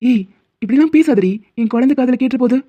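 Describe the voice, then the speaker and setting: A woman voicing a teasing, doting young husband in an animated cartoon who worries easily. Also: sits high, brisk, no echo, lo-fi sound. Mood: worried doting. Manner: teasing, fussing, affectionate.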